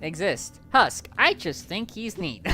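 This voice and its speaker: A man's voice: high-pitched, huge pitch swings, slow, bright, forceful tone, faint music behind. A man giving casual gameplay commentary as a streamer, chatty and self-correcting as he reacts to play.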